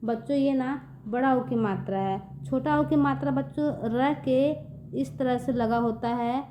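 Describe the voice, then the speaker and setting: A woman's voice: high-pitched, measured pace, dark tone, slight background noise. A woman teaching young children a reading lesson, speaking patiently and often checking whether they understand. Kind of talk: children's online Hindi lesson.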